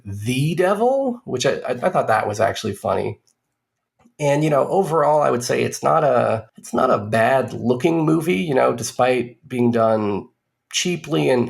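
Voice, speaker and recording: A man with a low, gravelly voice talks through a movie review on a podcast. He rambles, restarts his sentences and drops dry, sardonic asides as he goes. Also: a little mellow.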